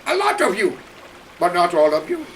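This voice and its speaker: A man's voice: high-pitched, huge pitch swings, normal speed, far from the mic, a little hiss or hum, low-quality recording. A man from Guyana with a Guyanese accent, delivering an impassioned, preachy political monologue straight to his listeners. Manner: preachy, emphatic, addresses listeners directly. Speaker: political commentator.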